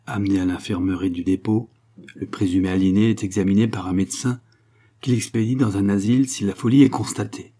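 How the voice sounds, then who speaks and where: Male audiobook narrator, literary reading, measured, low, husky. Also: mellow.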